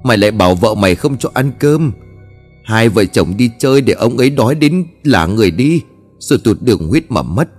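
A man's voice: lowish voice, animated, fairly quick, darkish tone, faint music behind. A man voicing a grief-crazed old village mother who wails and shrieks threats. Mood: ranting. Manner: wailing, then shrieking threats.

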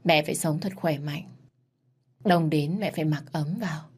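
A woman's voice: low voice, normal speed, darkish tone, husky. A woman voicing a tortured young prince in a read-aloud story, speaking in an earnest, pleading way. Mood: tender. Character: tortured young prince, defiant then tender.

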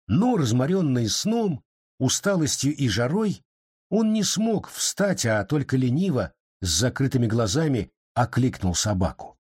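A man reading a story aloud in a measured, expressive storytelling manner. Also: mid-range voice, breathy edge. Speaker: narrator. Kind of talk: scripted audiobook narration.

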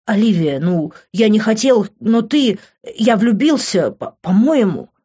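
A woman's voice: medium pitch, animated, measured pace, dark tone, breathy edge, pitched above the performer's own voice. Woman voicing a pleading, stammering young man. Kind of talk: audiobook reading. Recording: dull lo-fi recording.

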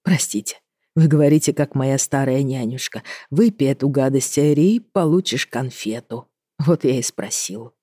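A woman voicing a wounded young male colonel who speaks hoarsely, low and weak, with a wry, teasing edge. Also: moderate pace, dark tone, dry recording, studio quality.

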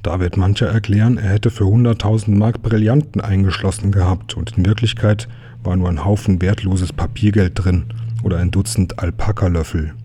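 A man doing a hushed, gossiping passenger. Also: sits low, fairly even intonation, normal speed, slight background noise, natural voice. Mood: gossipy. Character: chatty male passenger gossiping about a bank robbery.

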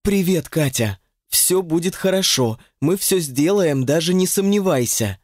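A man's voice: fairly high pitch, animated, measured pace, darkish tone, no room sound, clean studio sound, pitched above the performer's own voice. A man reading an audiobook, voicing an insistent, pleading middle-aged witch in a raised voice. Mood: reassuring. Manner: insistent, pleading, honeyed when coaxing.

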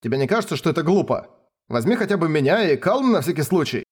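A man's voice: on the high side, very animated, fast, a little mellow, slightly rough, pitched above the performer's own voice. A man voicing a brash, hot-tempered male general who taunts and blusters in a raised voice. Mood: protesting.

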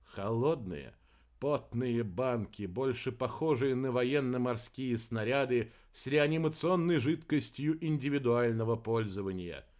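A man reading an audiobook in a wry, even narrating voice. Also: medium pitch, unhurried. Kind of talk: scripted narration.

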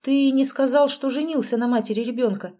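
An excitable fifty-year-old lady therapist, as a woman reader puts her on, pitched well above the narration and shrieking her scolding lines. The underlying voice stays soft and mellow. It is a storybook read-aloud. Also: a little fast. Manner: shrill, exclaiming, scolding.

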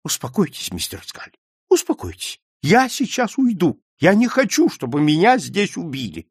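A man voicing a terrified foreign traveller in a spoken story, pleading and crying out in a high, cracking voice. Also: huge pitch swings, moderate pace, husky, no echo, clean studio sound, full character voice. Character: frightened foreign man, panicky and shrill.

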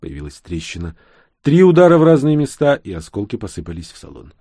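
A man narrating a post-apocalyptic audiobook in a steady, dramatic reading style. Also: medium pitch, fairly quick, no room sound, studio quality. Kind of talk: scripted narration.

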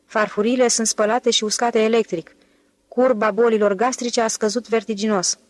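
A woman's voice: a little high, flat delivery, dry recording, lightly acted. A woman reading an eager young museum director. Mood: enthusiastic. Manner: eager, talkative, boastful about progress. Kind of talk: audiobook character voice.

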